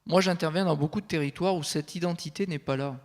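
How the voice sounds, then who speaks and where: A man with a slightly high voice speaks as a consultant on a conference panel. He is measured and thinks aloud, often using fillers and restarting sentences.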